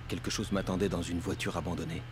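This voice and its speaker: A man playing a brooding, anguished writer, speaking gravely in a scripted video game thriller. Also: deep voice, little pitch movement, quick pace, music in the background, close to an everyday voice. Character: brooding, anguished male writer narrating his own thriller.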